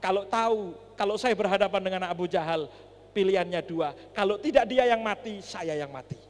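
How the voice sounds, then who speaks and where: Preacher guy doing an eager young fella, high and earnest, echoey mosque. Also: brisk, lightly acted. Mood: earnest, determined. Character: brave eager young male companion.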